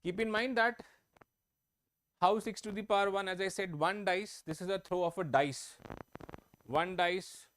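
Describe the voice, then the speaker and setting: A man with a high, slightly bright, steady voice teaches math online for exam prep, using his own microphone. At a measured pace with frequent pauses, he explains each step, repeats points and regularly makes sure his students are following.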